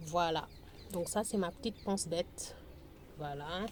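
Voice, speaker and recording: On her outdoor balcony, a budgeting vlogger talks casually with her viewers in a lowish, unhurried voice over a faint hiss or hum. She hesitates often and slips into playful, sing-song teasing.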